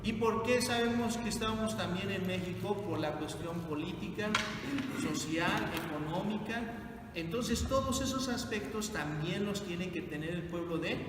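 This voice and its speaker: A man's voice: high-pitched, normal speed. A man teaching a Bible class, asking his group questions and repeating their answers. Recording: echoey hall from far off, noisy.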